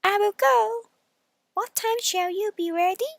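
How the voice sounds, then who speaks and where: A squeaky, very high little storybook pig, as a woman storyteller puts it on. Small, clever and cheerful, it speaks in a polite, eager way. The sound is dry and close. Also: a little slow, creaky, dry recording, heavily acted. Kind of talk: bedtime storybook character voice.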